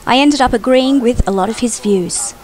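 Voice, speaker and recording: A woman's voice: on the high side, normal speed, darkish tone. A woman narrating a documentary with dry, wry commentary.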